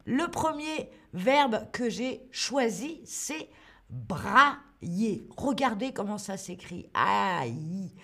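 Slow-speaking woman teaching French. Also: on the high side, very animated, a bit bright. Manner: slow, clear, encouraging, greets chat viewers by name. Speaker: French teacher hosting a livestream. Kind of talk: live online language lesson.

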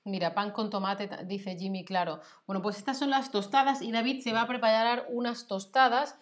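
A woman's voice: medium pitch, steady tone, moderate pace. A woman with a Spanish accent from Spain, hosting a casual chat and patiently explaining words like a teacher. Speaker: host. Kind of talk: casual chat with a language lesson.

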